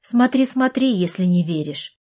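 A woman's voice: mid-range voice, animated, moderate pace, darkish tone, lightly acted. A woman reading an audiobook, voicing a tired young therapist who coaxes her younger brother. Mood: coaxing. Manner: weary, coaxing.

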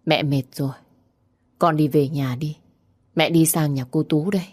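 A woman's voice: low-pitched, steady tone, moderate pace, a little mellow, no room sound, clean studio sound. A woman reading as a weary, resigned mother. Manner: tired, resigned. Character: weary battered middle-aged mother.

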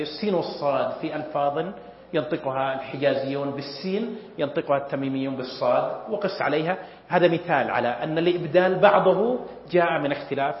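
A man giving an academic lecture at a measured pace, pausing often with fillers and clearing his throat. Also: fairly high pitch, slight background noise. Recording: echoey hall, dull lo-fi sound.

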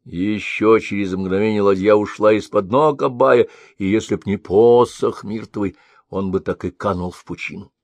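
A man narrating an old folk-style tale in a measured, expressive storytelling cadence. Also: lowish voice, no echo.

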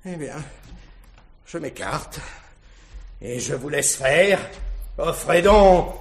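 A man's voice: a little high, lively intonation, drawn-out words, creaky, a little hiss or hum, heavily acted. An actor playing a fawning, sly male hanger-on with a wheedling, giggling manner, in a 1960s radio drama.

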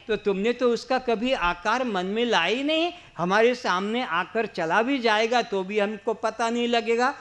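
High-voiced man giving an unhurried spiritual discourse. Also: fairly bright tone. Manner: explains through rhetorical questions and simple examples; leads slow drawn-out chanting. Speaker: spiritual teacher. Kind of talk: religious discourse to a seated audience.

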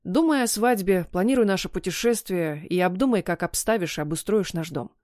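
A woman reading an audiobook, voicing a brooding, possessive young fiancé with a husky, rumbling tone and curt, insistent delivery. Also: brisk, darkish tone, no echo, clean studio sound, close to an everyday voice.

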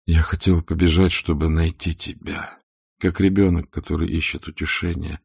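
A man voicing a grieving, broken young man in an audiobook, speaking in a hushed, halting way with a husky, gravelly voice. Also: deep voice, level tone, dry recording, clean studio sound, exaggerated voice. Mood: lost.

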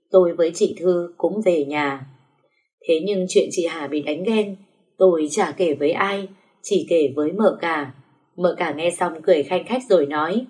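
A woman's voice: lowish voice, a little mellow. A woman narrating a first-person story.

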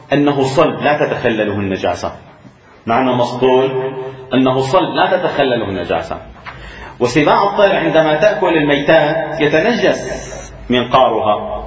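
Man teaching Islamic law, echoey room. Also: mid-range voice. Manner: explains step by step, repeats key rulings. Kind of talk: lecture on a fiqh text. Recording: echoey dull room recording.

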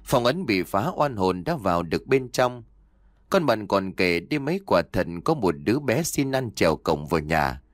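A man narrating a ghost story in a steady, scripted storytelling voice. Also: fairly low pitch, moderate pace, no echo, studio quality. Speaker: audiobook narrator.

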